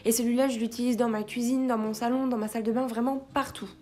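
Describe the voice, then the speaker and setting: In a home cleaning vlog voice-over, a young mother in her twenties talks in a chatty, slightly high voice, eagerly praising a product. Her tone stays steady and her pace is fast, with soft music playing faintly in the background.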